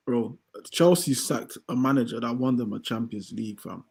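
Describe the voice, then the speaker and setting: A man, a football fan ranting in heated casual chat, swearing often and building to loud outbursts. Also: medium pitch, moderate pace, gravelly, husky. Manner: swears a lot, rants with rising outbursts.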